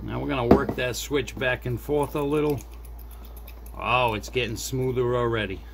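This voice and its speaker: A middle-aged man, a hobbyist who makes repair videos, works at a desk indoors and thinks aloud to viewers in a casual, unscripted demonstration. His medium-pitched voice is gravelly, with fairly even intonation and a moderate pace. Background noise and room ambience are audible.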